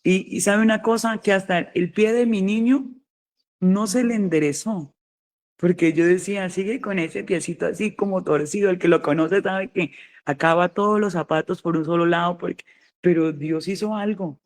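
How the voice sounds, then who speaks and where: A woman preacher giving a fervent sermon testimony, repeating her exhortations and slowing down on key phrases. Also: lowish voice, steady tone, a little mellow.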